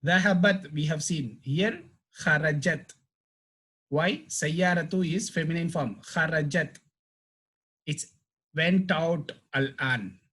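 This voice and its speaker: Brief: male language teacher, slow and patient, husky voice. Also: a little high, fairly bright tone. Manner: explains slowly, repeats phrases, translates word by word. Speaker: Arabic teacher. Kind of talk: language lesson.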